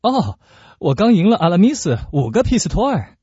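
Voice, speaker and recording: A man's voice: sits high, big pitch swings, brisk, warm tone, husky, no room sound, full character voice. A man voicing a hearty, blustering male musketeer in radio storytelling, stammering with eager fillers. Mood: flustered. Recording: dull lo-fi recording.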